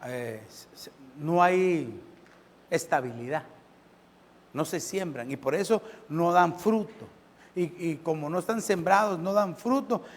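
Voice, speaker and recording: A pastor preaching a sermon. He keeps asking the congregation questions and swings between loud and soft. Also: fairly high pitch, a little slow, big-room sound.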